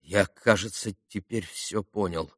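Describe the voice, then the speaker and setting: A man voicing a gentle, quiet, earnest young man in an audiobook, speaking softly and calmly. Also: on the low side, normal speed, no room sound, studio quality, lightly acted. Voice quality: soft, calm.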